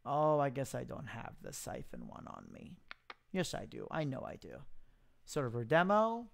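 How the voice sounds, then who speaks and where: A man presenting a software demo in a casual live tutorial, informally thinking aloud into a close mic with popping plosives. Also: medium pitch, wildly swooping pitch, normal speed, gravelly. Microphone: close mic without pop filter, popping plosives.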